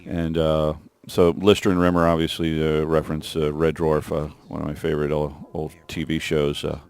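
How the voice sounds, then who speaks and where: Man, very low voice, developer commentary on his own game mission, rambling with lots of uhs. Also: completely flat delivery, normal speed, darkish tone, smooth. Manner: rambling, many fillers and restarts. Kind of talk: let's play developer commentary.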